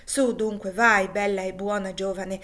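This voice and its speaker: A woman reading a gruff kindly old farmer. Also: medium pitch, fairly even intonation, unhurried, a bit bright, close to an everyday voice. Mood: kind reassuring. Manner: rough but kind, reassuring. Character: gruff kindly farmer, middle-aged man.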